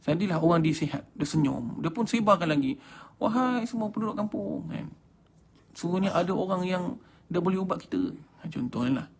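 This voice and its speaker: A man's voice: a little high, a little fast, slightly rough. A man with a Malaysian Malay accent telling a religious story as a Quran teacher, chatty and mixing in English words. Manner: chatty, addresses audience as tuan-tuan dan puan.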